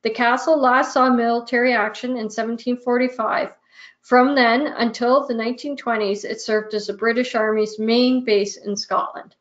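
A woman, a little hoarse, presenting travel tours and reading through itineraries and prices in a steady, listing way. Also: fairly high pitch, normal speed. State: hoarse, losing her voice. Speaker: travel club tour presenter. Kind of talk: presenting tour details. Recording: muffled lo-fi recording.

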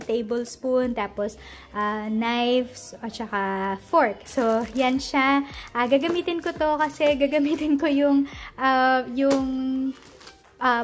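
Chatty woman vlogging about home organizing. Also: fairly high pitch. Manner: chatty, mixes English into her talk, frequent fillers. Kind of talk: casual home vlog narration. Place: home dining area, indoors.

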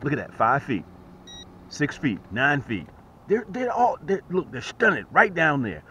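A man whose voice runs on the high side hosts a casual fishing vlog at a measured pace, sitting in a small boat on a lake as early morning rain comes down. Excitable and repetitive, he talks directly to viewers and often goes hushed on the water. The recording, from an action camera fixed to the boat, is dull and lo-fi with faint outdoor noise.

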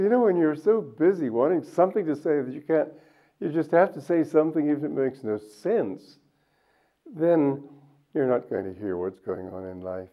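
An older man giving a gentle, reflective spiritual talk, musing aloud and often saying "you know", seated in a studio before a microphone. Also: mid-range voice. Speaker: spiritual teacher. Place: indoor studio set. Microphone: microphone on a stand in front. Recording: tinny narrow-band sound.

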